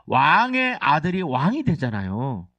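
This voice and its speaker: A male pastor preaches with a lively, swinging voice that sits a little high. He keeps tossing questions to the congregation and leads the call-and-response reading. The sound is dry and somewhat dull, like a lo-fi church recording. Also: unhurried, no echo. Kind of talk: sermon. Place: church sanctuary.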